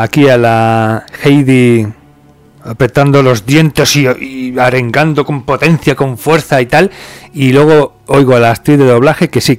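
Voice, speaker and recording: Chatty podcast host, dry mic. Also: male voice, mid-range voice, no echo. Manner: relaxed, chatty, laughs and swears now and then. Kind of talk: casual film review chat, reading listener comments.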